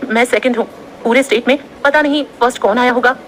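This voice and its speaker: A woman voicing a studious young female student who speaks softly and modestly. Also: on the high side, fast, slight background noise, natural voice.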